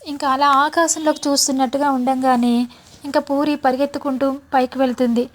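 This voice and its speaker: A woman with a high voice retells a serial episode in casual, chatty narration. She is animated and slides straight into the characters' lines as she goes. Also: fairly quick. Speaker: storyteller.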